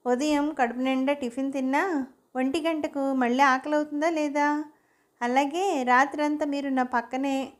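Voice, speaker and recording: A woman plays a young wife in a spoken storybook who is hurt and tearful. Her voice sits high and sounds plaintive and reproachful. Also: close to an everyday voice.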